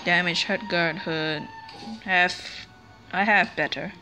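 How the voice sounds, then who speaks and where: A woman's voice: lowish voice, fairly even intonation, slow, over music. A woman giving casual, rambling commentary over a video game let's play, often correcting herself as she talks. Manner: chatty, rambling, self-correcting.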